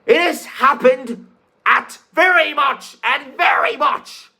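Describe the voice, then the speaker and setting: A vlogger in their twenties rants in a hard, bright voice at an unhurried, slow pace. The delivery is profane and emphatic, with repeated phrases for stress. It moves between subdued talk and shouted outbursts in an angry comedic monologue. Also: high-pitched, gravelly. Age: 20s. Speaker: ranting vlogger.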